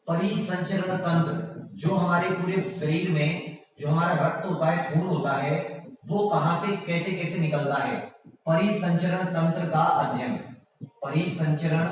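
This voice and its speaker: A man teaching a general science class online, reading out quiz options slowly and praising his students often. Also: fairly high pitch, very echoey, big-room sound, far from the mic, rough recording.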